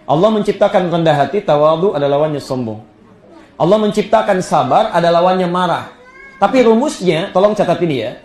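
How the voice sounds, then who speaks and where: A man preaching a sermon, telling stories with animated, rising emphasis. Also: high voice. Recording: echoey room.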